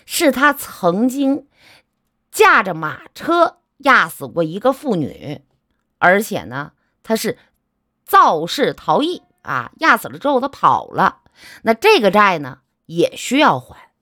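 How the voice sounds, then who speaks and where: A woman acts out a tired middle-aged country uncle who sighs and grumbles, gruff and resigned to his fate. He scolds his nephew in a lively, rising and falling voice, heard dry and close in a told ghost story. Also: mid-range voice, slow, dry recording, heavily acted. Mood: gloomy.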